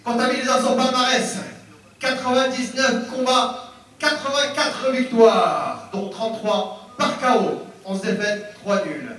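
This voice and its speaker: High, forceful male fight announcer, echoing. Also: unhurried. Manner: booming showmanlike delivery, like a fighting game announcer. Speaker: ring announcer at a kickboxing event. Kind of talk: fight announcer introductions, names drawn out and shouted. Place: indoor fight venue over PA system. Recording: very echoey arena PA, distant.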